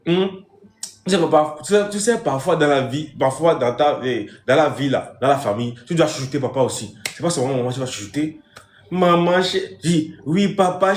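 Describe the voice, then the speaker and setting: A man hosting a comic live stream as a strict father, lecturing with emphatic repetition. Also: a little high. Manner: lecturing, emphatic, repeats phrases. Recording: roomy echo.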